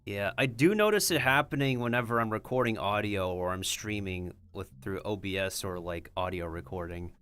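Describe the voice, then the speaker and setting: A man's voice: on the low side, normal speed, few pauses, a bit bright, smooth. A man hosting a livestream, chatting casually in a rambling way peppered with filler words. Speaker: streamer and host.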